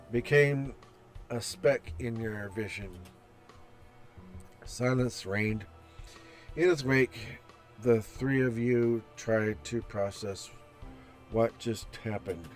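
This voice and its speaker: Slow-talking man reading a game aloud. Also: mid-range voice. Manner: slow, chatty, reads text aloud with restarts. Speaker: gameplay narrator. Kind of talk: reading game text and commenting. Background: soft background music.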